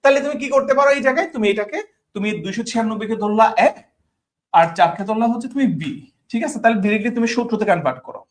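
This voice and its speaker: Bangladeshi tutor, repeats himself a lot. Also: male voice, high voice, quick pace. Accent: Bangladeshi Bengali. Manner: repeats questions, checks in with students often; mixes English words into Bengali. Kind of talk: online class lecture.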